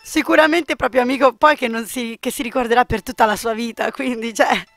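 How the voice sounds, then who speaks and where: A woman's voice: on the high side, fairly even intonation, fairly quick, a bit bright, no room sound. A woman hosting a gameplay channel, making amused, chatty asides while she plays. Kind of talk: casual gameplay commentary.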